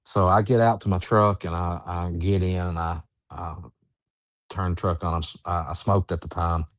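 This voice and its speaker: Deep-voiced man telling a spooky story. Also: fairly even intonation, no echo, studio quality. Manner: slow, halting storytelling with restarts. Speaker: guest, Bigfoot researcher. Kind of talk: storytelling in an interview.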